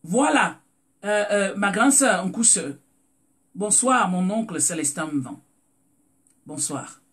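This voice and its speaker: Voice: medium pitch, expressive, slow, a bit bright, slightly rough. A speaker from Cameroon with a Cameroonian French accent, hosting a casual live talk, repeating words while searching for them and greeting viewers by name. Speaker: live stream host.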